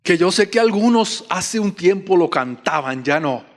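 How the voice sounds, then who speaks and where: Male pastor from Colombia, a lifted voice, dramatic pauses, echoing church hall. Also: high-pitched, lively intonation. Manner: preaching with dramatic pauses and acted-out Bible dialogue. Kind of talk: sermon. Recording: long hall reverb.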